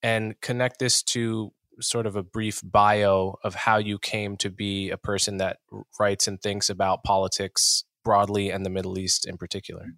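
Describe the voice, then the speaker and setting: A man's voice: lowish voice, little pitch movement, moderate pace, few pauses, fairly bright tone, no room sound, clean studio sound. A man hosting an interview, asking curious, probing questions. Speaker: interview host.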